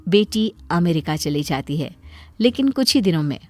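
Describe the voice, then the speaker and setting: A woman narrating a cartoon story in a plain, even storytelling manner. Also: lowish voice, moderate pace, dry recording, faint music behind.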